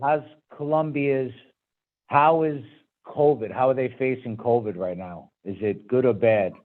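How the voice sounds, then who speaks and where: A man's voice: medium pitch, a little slow. A man with a Brooklyn, New York accent hosting a casual interview over a video call, enthusiastic and complimentary. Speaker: interview host. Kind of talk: casual remote interview chat. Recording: dull lo-fi video-call audio.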